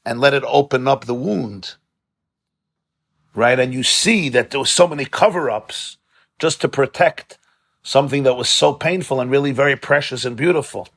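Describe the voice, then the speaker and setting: This rabbi's study-hall class is an informal religious lecture, fervent and conversational, with repeated words for emphasis and Yiddish and Hebrew terms woven in. He has a mid-range, slightly bright voice and a moderate pace.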